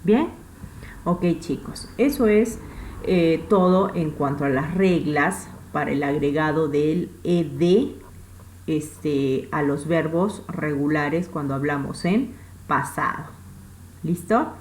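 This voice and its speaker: A woman with a Peruvian Spanish accent gives a recorded English lesson, speaking in a low voice at an unhurried pace. She repeats each point with patience and often checks that her students are following. A faint noise runs under the recording. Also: darkish tone, poor audio. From Peru. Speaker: English teacher. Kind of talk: recorded online class.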